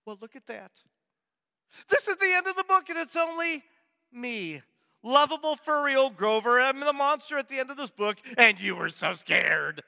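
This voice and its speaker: A man voicing a timid, lovable furry monster in a high, strained voice that pleads in quick bursts. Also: lively intonation, vocal fry, pushed and bright, big-room sound, exaggerated voice. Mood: sheepish.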